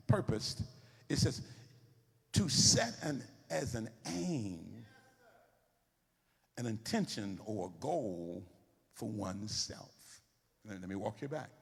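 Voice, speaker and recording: A man preaching a sermon, animated and repetitive, calling out to the congregation to respond. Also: mid-range voice, vocal fry, husky, in a large hall.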